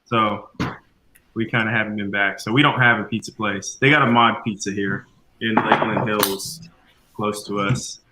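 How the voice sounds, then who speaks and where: A man's voice: fairly low pitch, little pitch movement, normal speed, bright, forceful tone, slight background noise. A man chatting casually as a guest, rambling with fillers. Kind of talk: casual chat.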